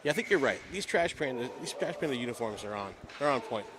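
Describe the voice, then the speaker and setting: Easygoing hockey color commentator, noisy audio. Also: male voice, mid-range voice, expressive, fast talker. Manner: chatty and easygoing, banters with his partner. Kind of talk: casual live sports color commentary.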